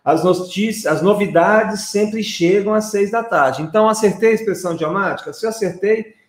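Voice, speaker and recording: Man, high voice, talkative tutorial teacher, echoey room recording. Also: moderate pace. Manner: chatty, explains step by step with frequent checks like "tá?". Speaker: English teacher. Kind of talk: screen-share software tutorial.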